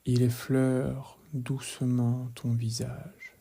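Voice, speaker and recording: A man leading a guided relaxation meditation in a calm, measured voice, soft and hushed, often slipping into a whisper. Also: mid-range voice, gravelly, husky. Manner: calm, measured, gently instructive.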